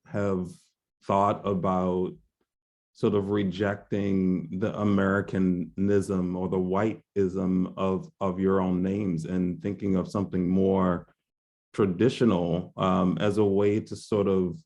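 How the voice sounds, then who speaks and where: Male moderator with a gravelly, low voice. Halting and reflective, many restarts. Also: little pitch movement, darkish tone, lo-fi sound. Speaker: panel moderator. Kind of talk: panel discussion on a video call.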